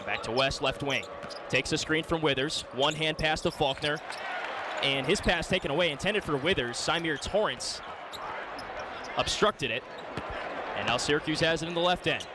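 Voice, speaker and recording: A man announces a basketball game live on the radio, describing the play in clipped phrases and pausing often. His pitch is fairly high and his pace moderate. Behind him are loud arena noise, gym ambience, and bouncing basketballs.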